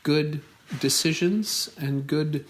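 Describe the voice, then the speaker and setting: A man's voice: a little high, slow pace, slight background noise. A South African man in his forties, answering interview questions carefully and spelling words out. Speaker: podcast host being interviewed by his daughter.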